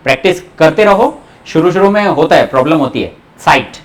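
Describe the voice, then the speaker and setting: A man's voice: a little high, animated. A man teaching German pronunciation to a class in a Hindi-English mix, repeating each word for students to echo. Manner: repeats words slowly for students to echo, coaxing.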